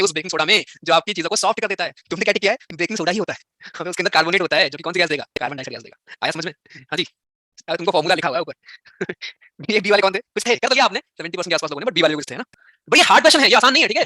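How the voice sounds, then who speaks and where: Male teacher, very fast speech, bright sharp voice, dry close sound, teasing and scolding. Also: high voice, no room sound. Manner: teasing, scolds students by turns. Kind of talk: live online exam-prep class.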